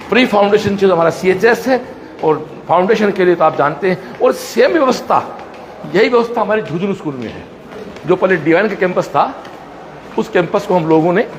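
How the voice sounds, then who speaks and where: A man's voice: high voice, a little hiss or hum. A man walks through a school, chatting with students and talking to the camera. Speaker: coaching and school founder touring his campus. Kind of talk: live walkthrough vlog. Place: school classrooms and corridors.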